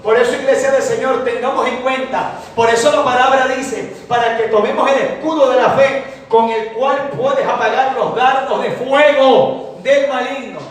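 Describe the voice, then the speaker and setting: A man preaches an emphatic sermon, weaving in his own testimony. His voice booms around a very echoey hall and reaches the mic from far off. A faint hiss sits under it. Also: steady tone, moderate pace. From Ecuador. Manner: emphatic preaching, tells a personal testimony, repeats "a su nombre". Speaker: evangelist preacher.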